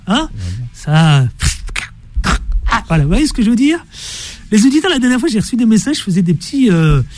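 Man, radio host, teasing, lively, high voice, music faint in studio. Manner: chatty, teasing, animated asides. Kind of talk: playful radio show intro.

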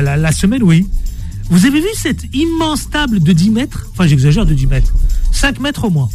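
A man's voice: high-pitched, darkish tone. A man hosting a radio show, chatty and teasing, with playful asides. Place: radio studio.

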